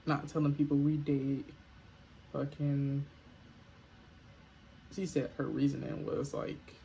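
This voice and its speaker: A man's voice: a little high, flat delivery, takes it slowly, gravelly, dark tone, slight background noise, poor audio. A young man casually telling a storytime vlog in a laid-back, slangy way with joking asides. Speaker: vlogger.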